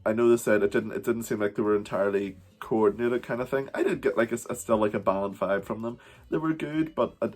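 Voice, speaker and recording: A chatty man with a lowish voice reviews an episode in a loose, rambling vlog. He talks from home in drag, swearing casually and dropping in "wee" often. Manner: uses the word wee. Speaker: drag performer reviewing a TV show.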